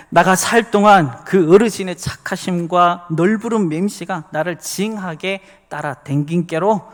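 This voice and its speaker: Guy doing a loud folksy jeolla countryman, big drawn-out exclamations, kinda high, long church echo. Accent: Jeolla dialect. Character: boisterous folksy male Jeolla countryman reciting. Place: church sanctuary. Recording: long reverb of a large hall.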